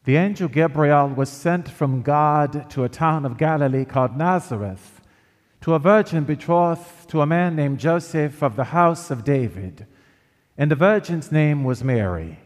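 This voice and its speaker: Male priest, higher-set voice, measured liturgical proclamation, long cathedral-like reverb. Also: lively intonation. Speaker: priest reading the Gospel. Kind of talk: solemn liturgical reading. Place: large reverberant church interior. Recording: echoing church hall, long cathedral-like reverb.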